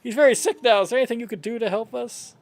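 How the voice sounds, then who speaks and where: A man's voice: very high voice, fast, voice pushed up. Man as a worried, pleading peasant wife.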